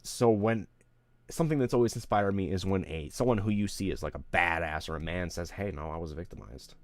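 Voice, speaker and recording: On a livestream, a male streamer vents candidly to his audience, rambling emotionally and swearing a lot. He has a low voice, talks fairly quickly, and the audio has no echo.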